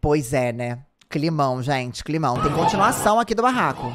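A woman with a Brazilian Portuguese accent hosting a reaction commentary. She speaks in an expressive, exclamatory way. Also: low-pitched, moderate pace, very noisy. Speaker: commentary host.

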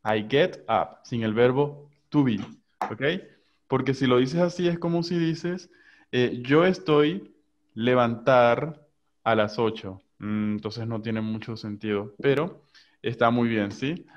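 Man teaching English over a dull call line. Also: mid-range voice. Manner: switches between slow English examples and quick Spanish explanations. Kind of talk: online class.

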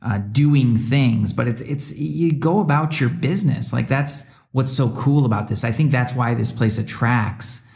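A man's voice: medium pitch, measured pace, creaky, hardly any pauses, darkish tone. A young adult man co-hosting a podcast, reflective and rambling, with many restarts and fillers. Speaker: podcast co-host. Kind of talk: reflective casual chat.

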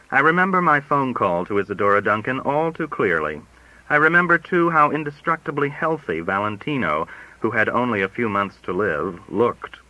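A man reading an audiobook in measured storytelling, his pitch shifting widely, recorded dull and lo-fi. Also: sharp tone, no echo. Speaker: audiobook reader. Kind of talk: audiobook narration.

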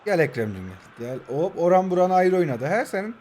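A man's voice: high-pitched, sing-song, fairly quick, darkish tone, a little hiss or hum. A man in his twenties giving heated live commentary over a mobile football game, urging his players on and needling his opponent. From Turkey. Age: 20s.

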